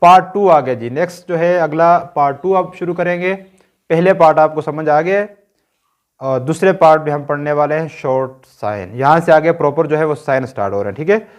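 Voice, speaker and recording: A man's voice: a little high, brisk. Patient Pakistani-accented male reading teacher. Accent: Pakistani Urdu. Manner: patient, drills sounds one by one and checks understanding. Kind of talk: recorded instructional lesson.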